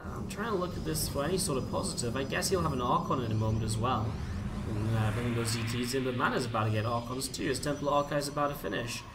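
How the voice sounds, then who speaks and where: An esports commentator delivers live, informal play-by-play of a video game, chatting and thinking aloud as he goes. His medium-pitched voice is fast and sounds distant from the mic. Music plays behind him, and the recording is very noisy.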